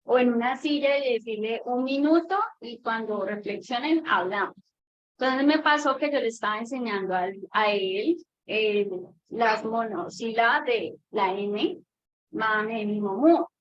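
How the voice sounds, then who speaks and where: A woman's voice: on the high side, unhurried. A mother, telling a long story about her child and asking a question in casual talk, with many fillers. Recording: dull lo-fi audio with faint noise.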